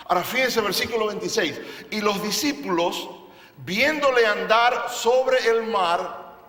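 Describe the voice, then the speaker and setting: A man with a high, bright, ringing voice preaches to his congregation at an unhurried pace. He leans on emphasis, tosses rhetorical questions at the room and slips in jokes. The sound carries a long church-hall reverb. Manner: playful, jokes with the audience. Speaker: pastor. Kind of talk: sermon. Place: church service.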